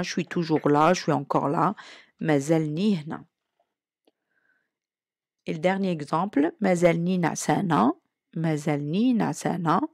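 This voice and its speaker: A woman's voice: fairly low pitch, a little mellow, dry recording. Patient female language teacher, dry sound. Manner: patient, repeats each example slowly. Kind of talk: explanatory language lesson.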